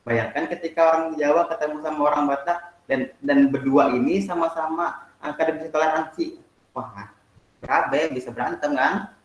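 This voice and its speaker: A man's voice: fairly high pitch, a little fast. Male teacher, chatty lecturing, roomy echo. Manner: explains with many "nah" and asides, asks students questions. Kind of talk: online class lecture. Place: home, online video class.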